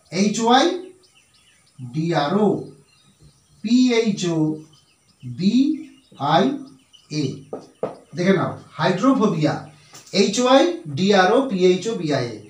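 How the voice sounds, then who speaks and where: A man with a Bengali accent teaching a vocabulary lesson, patiently repeating and spelling words letter by letter. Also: sits high. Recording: echoey room, voice far from mic.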